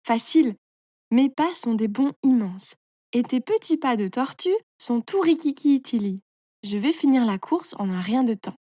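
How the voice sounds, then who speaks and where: A woman voicing a proud, boastful young male hare in a children's story, speaking brashly and loudly. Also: on the high side, expressive, unhurried, no room sound, studio quality.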